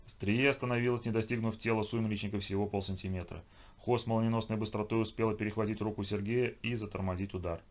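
Low-voiced man reading a novel. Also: fairly even intonation, fast. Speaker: audiobook reader. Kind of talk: scripted narration.

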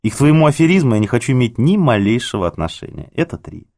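A man's voice: mid-range voice, lively intonation, quick pace, a little mellow. A man reading a novel aloud in the first person, with a cynical, sardonic delivery. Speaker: audiobook narrator. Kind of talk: scripted first-person narration.

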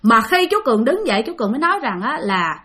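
A chatty woman tells a ghost story in a loose, conversational way. She speaks a bit higher than most women and keeps turning to her listeners as she goes. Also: very animated, fast, fairly bright tone. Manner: chatty, addresses listeners often.

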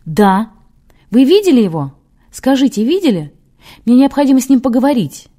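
A woman's voice: high voice, very animated, normal speed, dark tone, voice pushed up. A woman voicing an eager, impulsive young nun who asks urgent, pleading questions.

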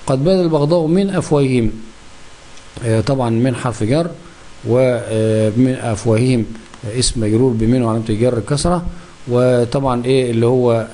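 A man's voice: medium pitch, dark tone. A man with an Egyptian accent teaching a grammar lesson, asking questions and answering them himself. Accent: Egyptian Arabic.

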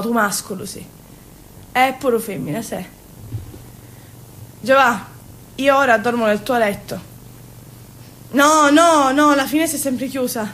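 A stage actress, her voice a bit bright, plays a brash, dreamy young Sicilian woman who is poor and full of longing. Her emotional theatrical monologue swings between confiding and exclaiming. The sound is roomy, with a faint low rumble.

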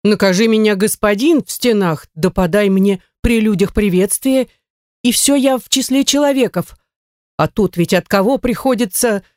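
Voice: medium pitch, moderate pace, a little mellow, dry recording, clean studio sound, natural voice. A reader voicing a wordy, self-pitying middle-aged male shoemaker in an audiobook, complaining at length. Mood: lamenting. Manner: lamenting, long-winded. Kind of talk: audiobook character reading.

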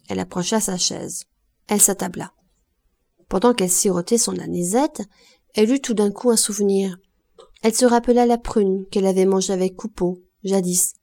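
Mellow woman reading a classic novel. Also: medium pitch. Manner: measured, expressive reading. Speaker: audiobook reader. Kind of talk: literary audiobook narration.

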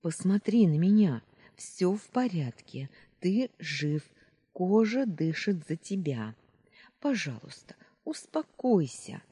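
A caring, determined young woman, as a woman narrator puts her on in an audiobook, pleading and commanding with loud urgency. The voice is husky and lifts higher than the narration. It keeps a mellow, warm colour. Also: big pitch swings, takes it slowly, dry recording, studio quality, exaggerated voice. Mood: desperate pleading.

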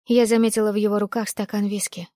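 A woman reading a first-person story aloud as an audiobook narrator, in a steady, measured storytelling manner. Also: mid-range voice, dry recording, studio quality.

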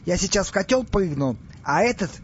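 Guy putting on a bossy pharaoh, yelling orders, raised pitch, lo-fi sound. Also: expressive, a little fast, slight background noise. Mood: threatening. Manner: barking threats and orders. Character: haughty, hot-tempered male pharaoh, bullying. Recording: dull lo-fi audiobook recording.

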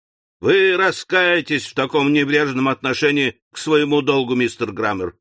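A man's voice: medium pitch, moderate pace, bright, forceful tone, no room sound, clean studio sound, lightly acted. A man voicing a pompous, irascible provincial magistrate who blusters and bullies, in an audiobook. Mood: blustering. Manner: blustering, bullying. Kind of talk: audiobook character voice.

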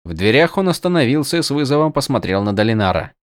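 A man narrating an audiobook in an even, measured reading. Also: mid-range voice, no echo, studio quality. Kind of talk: scripted narration.

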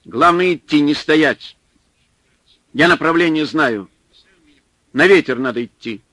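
A man reading an audiobook, voicing a rough, stubborn male guide who talks in a gruff, coarse, commanding way. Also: fairly high pitch, a little slow, pushed and bright, no echo, pitched above the performer's own voice. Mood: loud gruff.

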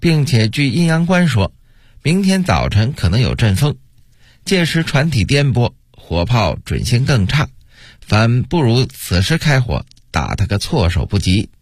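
A male storyteller voicing a confident fleet admiral who gives orders in a calm, decisive way. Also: medium pitch, normal speed, breathy edge, dry recording, clean studio sound. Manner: self-assured, decisive.

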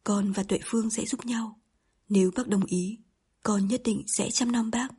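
A woman's voice: medium pitch, fairly even intonation, measured pace, dark tone, slightly rough. A woman narrator voicing a timid young man who pleads with a shaky voice in an audiobook. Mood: pleading. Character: timid young suitor, trembling voice.

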